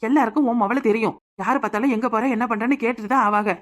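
A woman's voice: on the high side, steady tone, rapid-fire, lightly acted. A woman voicing a village aunt in a cartoon, pleading and reassuring in a Tirunelveli Tamil accent. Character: consoling village aunt, a younger sister-in-law. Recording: cartoon dub with music underneath.

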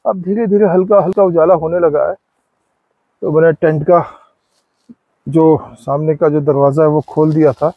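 A man's voice: on the high side, fairly even intonation, normal speed, long pauses, dry recording, phone-quality sound. A man in his forties chatting casually to viewers and friends while camping outdoors by a river in a forest, recorded close on a handheld phone. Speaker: vlogger. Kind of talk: casual camping vlog narration. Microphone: phone camera held close.

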